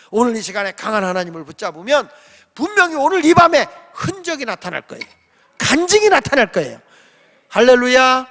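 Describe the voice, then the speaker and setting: A man preaching a sermon as pastor, fervent and swinging from quiet talk to shouted exhortation. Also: very high voice, in a large hall. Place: church sanctuary.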